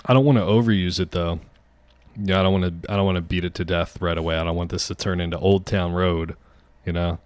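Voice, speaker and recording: A man's voice: low voice, fairly even intonation, fast, no echo. A man co-hosting a podcast, talking casually and rambling with lots of fillers and swearing. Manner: rambling, profane, many fillers. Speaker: podcast co-host. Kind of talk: casual chat.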